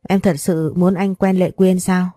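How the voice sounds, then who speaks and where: A woman's voice: fairly low pitch, little pitch movement, measured pace, mellow, dry recording. A woman voicing a jealous, possessive wealthy older man who scolds and pleads.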